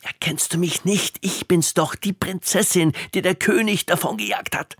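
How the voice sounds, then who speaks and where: A man voicing a young banished princess in a fairy tale, speaking earnestly and quietly. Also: high-pitched, animated, moderate pace, breathy edge, dry recording, clean studio sound, pitched above the performer's own voice, heavily acted. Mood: confiding.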